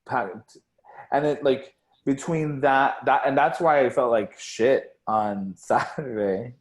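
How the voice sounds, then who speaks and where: A man's voice: medium pitch, slow. A young man co-hosting a casual podcast, rambling with constant fillers and swearing. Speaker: podcast co-host.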